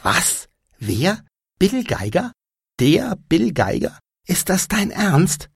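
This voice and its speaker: A man doing a high breathless excitable young woman. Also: unhurried, creaky, slightly rough, no echo, clean studio sound, heavily acted. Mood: excited. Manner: high-pitched, breathless, exclaiming.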